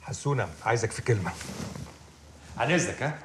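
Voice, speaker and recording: An actor playing an older man who calms a hotheaded friend, quick and exasperated, with an Egyptian accent. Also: medium pitch, a little hiss or hum, natural voice. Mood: placating. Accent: Egyptian Arabic. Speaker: senior official in a TV series.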